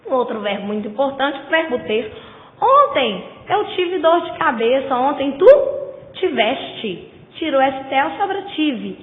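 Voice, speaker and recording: Professora de voz aguda e muito expressiva. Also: female voice, high voice, sing-song. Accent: Brazilian Portuguese. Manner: stresses syllables by drawing words out slowly. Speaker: teacher. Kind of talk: grammar lecture. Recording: tinny, echoey lo-fi recording.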